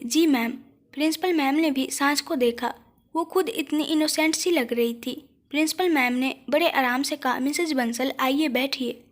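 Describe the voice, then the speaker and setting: A woman narrating a scripted audio story in an expressive, steady storytelling manner. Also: high-pitched.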